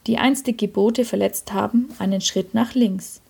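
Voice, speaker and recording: A fussy old saint who guards heaven's gate, put on by a woman reading a storybook. He announces orders briskly in a raised voice that stays dark and slightly husky. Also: medium pitch, fairly even intonation. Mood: announcing.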